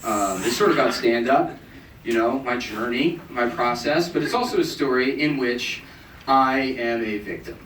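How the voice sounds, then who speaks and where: A young comedian talks through a deadpan, self-mocking stand-up set, jumping into a high, mocking voice for the people in his stories. His voice sits at an everyday middle pitch. It comes from an amateur club recording, picked up from a distance in an echoey room with loud noise underneath. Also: normal speed. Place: comedy club stage with audience laughing.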